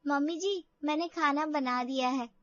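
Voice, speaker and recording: A woman's voice: high voice, moderate pace, no room sound, lo-fi sound, lightly acted. A woman voicing a timid young bride in a cartoon story, speaking hesitantly and respectfully. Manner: hesitant, respectful, addresses her elder as "mummy ji". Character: young new bride, timid and eager to please. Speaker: cartoon character.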